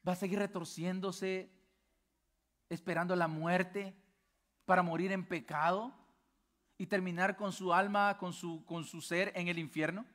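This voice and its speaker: A male pastor preaching a sermon with passion, asking the congregation question after question and swinging between hushed low passages and loud emphatic ones. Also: fairly even intonation, measured pace, long pauses.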